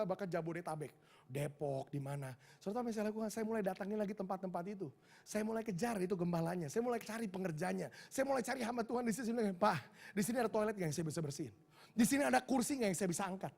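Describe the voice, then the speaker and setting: A middle-aged man preaching a sermon, telling stories in a lively way and speaking straight to the congregation. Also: high-pitched, vocal fry. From Indonesia. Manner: storytelling, animated, addresses the congregation directly. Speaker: pastor.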